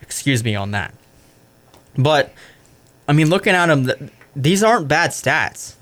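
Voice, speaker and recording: A young man hosting a college radio sports show, giving a casual recap full of "I mean" and quick self-corrections. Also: fairly high pitch, big pitch swings, fairly bright tone.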